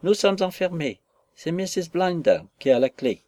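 A man's voice: fairly high pitch, lively intonation, a little slow, darkish tone, no echo, pitched above the performer's own voice. A man reading the part of a small, thin boy in an audiobook, giving short childlike replies. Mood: plain. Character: small thin boy, timid but brave.

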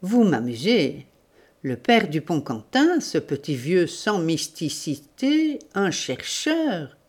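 A woman's voice: on the low side, sing-song, takes it slowly, darkish tone, slightly rough, exaggerated voice. A woman reading the part of a sarcastic, condescending Russian man in a storybook. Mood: mocking. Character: mocking, scornful Russian man.

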